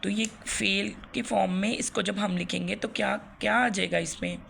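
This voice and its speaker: A woman's voice: medium pitch, fairly even intonation, normal speed, vocal fry, fairly bright tone, slight background noise. A woman with a Pakistani Urdu accent teaching a grammar lesson to young children, repeating words and asking questions she then answers herself.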